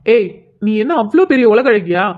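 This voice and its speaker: A furious older schoolboy in a cartoon, played by a woman, who hurls accusations and harsh threats. The voice is pitched a bit high for a boy. The recording sounds dull. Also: lively intonation, moderate pace, natural voice. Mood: accusing. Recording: dull lo-fi audio.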